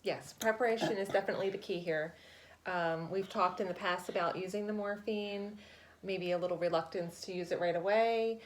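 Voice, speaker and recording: A woman explaining things in a measured, tactful way as a hospice nurse being interviewed. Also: medium pitch, fairly even intonation, a little hiss or hum.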